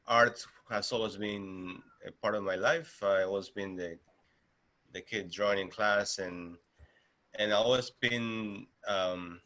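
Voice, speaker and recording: A man's voice: low voice, sharp tone. A man in his thirties from Argentina, a guest artist talking casually in an interview, with many fillers and restarts.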